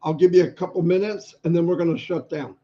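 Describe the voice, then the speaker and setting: An older man chats on a livestream in a chipper, rambling way, his voice a little hoarse. He has a mellow tone, and the stream audio is slightly muffled and lo-fi. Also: a little high, fast talker. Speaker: livestream co-host. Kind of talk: casual livestream chat.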